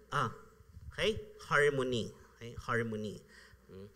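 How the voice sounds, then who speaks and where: A man's voice: medium pitch, sing-song, slow, bright, forceful tone. A man preaching a sermon as a pastor, conversational, acting out the people he quotes and laughing often. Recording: live church sound with long reverb.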